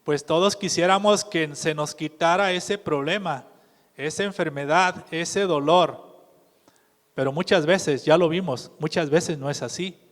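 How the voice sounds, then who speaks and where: Slow, measured preacher in a church hall. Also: male voice, a little high. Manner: measured, asks the congregation questions. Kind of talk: sermon.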